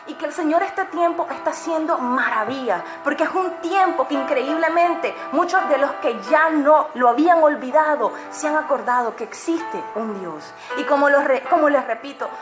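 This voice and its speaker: A woman delivers a devotional message with a high voice. She speaks earnestly and exhorts her listeners, repeating key phrases for emphasis. Music plays clearly beneath her words. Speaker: preacher. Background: music playing underneath.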